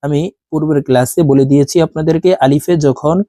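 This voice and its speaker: A man teaching Quran reading in a Bengali lesson, moving between brisk explanations and slow, drawn-out chanting of letter and vowel drills. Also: fairly high pitch, steady tone, warm tone, dry recording. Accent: Bangladeshi Bengali.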